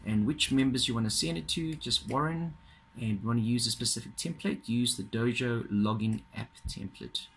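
A man giving a casual, halting walkthrough of a computer system, filmed with a phone pointed at the monitor. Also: mid-range voice, husky. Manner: casual, halting, many fillers and restarts. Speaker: software trainer. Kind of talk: screen-recorded software walkthrough. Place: indoors at a desk. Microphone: phone filming a monitor.

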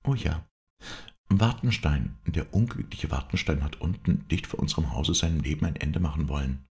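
A man reading aloud, raising his voice high to play a feverish, distraught noble lady who pleads insistently. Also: moderate pace, darkish tone. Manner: pleading, agitated falsetto lift.

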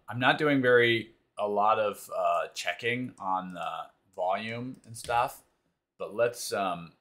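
A man's voice: lowish voice, bright, forceful tone. A man hosting a live coding stream, thinking aloud as he debugs, muttering to himself and answering viewer chat.

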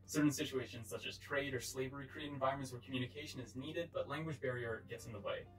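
A man in his twenties narrates an educational script at a fast clip. His delivery is formal and explanatory, with a mid-pitched voice. Faint music plays behind him. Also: steady tone, poor audio. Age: 20s. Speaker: presenter.

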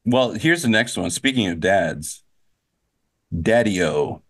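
A man's voice: lowish voice, lively intonation, takes it slowly, a bit bright. A man hosting a casual podcast chat, playful and joking. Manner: playful, jokes with mock old-movie voices. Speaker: podcast host.

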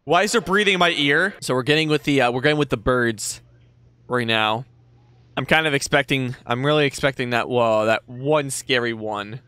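A young man hosting a gaming video reacts to a horror game with casual, sweary slang, jumpy and exclaiming. His medium-pitched voice moves at a moderate pace and sounds bright, forceful and clean. He's in a small indoor gaming room, wearing a headset and speaking into a close desk mic with no echo.

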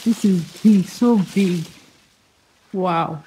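A young woman with a Nigerian accent excitedly showing guavas to the camera while picking them outdoors, repeating herself often. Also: fairly low pitch, drawn-out words, slightly rough. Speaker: vlogger. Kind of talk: casual vlog narration.

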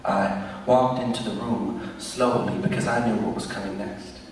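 A man's voice: fairly low pitch, fairly even intonation, moderate pace, a little hiss or hum. A young man performing slam poetry on stage with a theatrical, rhythmic, emphatic delivery. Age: young adult. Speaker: slam poet. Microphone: microphone on a stand. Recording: echoey hall recorded from far off.

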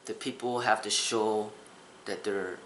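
A man's voice: lowish voice, steady tone, measured pace, a bit bright, reverberant, slight background noise, poor audio. A man in his thirties, a kung fu instructor, talking earnestly to the camera in a casual vlog, rambling with restarts. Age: 30s. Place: small indoor room with a sofa.

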